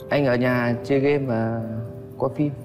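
A man's voice: mid-range voice, steady tone, a little slow. A man on a dating show, terse and plain-spoken, answering in short phrases. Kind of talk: casual chat on a first date. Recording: studio sound with loud music.

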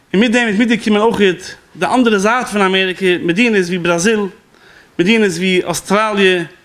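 A man's voice: high-pitched, a bit bright. A man giving a rabbinic law class as a spoken lecture, explaining and quoting sources, with an occasional chuckle.

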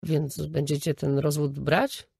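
A woman voicing a calm, gentle grown son who speaks slowly in an audiobook. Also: deep voice, creaky, husky, no echo, clean studio sound, full character voice.

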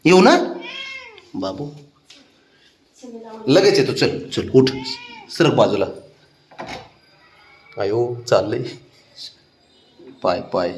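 A man's voice: medium pitch, expressive, extremely slow, long pauses, darkish tone, roomy sound, a little hiss or hum. A man talking to his cat in a coaxing, pleading way, like baby talk. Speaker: cat owner. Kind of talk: casual talk to a pet.

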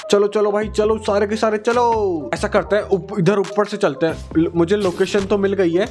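High-voiced, excitable gaming man. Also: normal speed, soft background music. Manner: excitable, repetitive shouting. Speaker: gaming channel host. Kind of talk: voicing game characters over gameplay.

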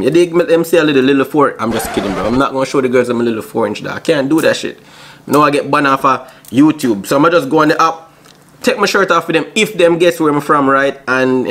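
A man in his twenties with a Jamaican accent and a slightly high, fairly bright voice records a YouTube vlog in a small room at home. He chats playfully with strangers on a video app, using slang and dropping Jamaican patois exclamations.

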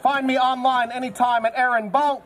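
High-pitched showman working a noisy outdoor crowd. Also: little pitch movement, normal speed. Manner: showman's projected delivery, playful and wry. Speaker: fair stage performer, fire and whip act. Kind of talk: live street-show comedy patter. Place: outdoor festival stage. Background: crowd noise and laughter.

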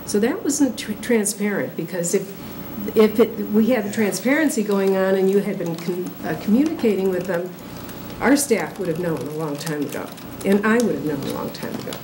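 A woman's voice: mid-range voice, expressive, moderate pace. A woman on a city council pressing a presenter firmly on transparency. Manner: firm, pointed. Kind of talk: questioning at a public council meeting. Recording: echoey noisy council chamber.

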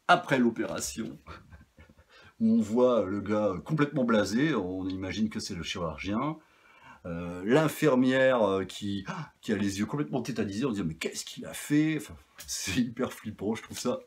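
A man's voice: lowish voice, a little hiss or hum. Rambling man reviewing records. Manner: chatty, rambling, many fillers and restarts. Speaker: record collector vlogger. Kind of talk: casual vinyl haul review.

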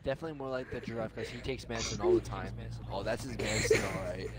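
A young man streaming in a game lobby voice chat, loud and cursing, often cracking up with laughter. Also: fairly low pitch, quick pace. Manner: loud, swearing, breaking into laughter. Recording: loud background noise.

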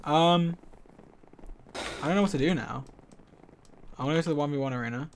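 Excitable man streaming games. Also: a little high, a little hiss or hum. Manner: reads donations aloud, excitable, quick to laugh. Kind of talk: casual gaming stream chat.

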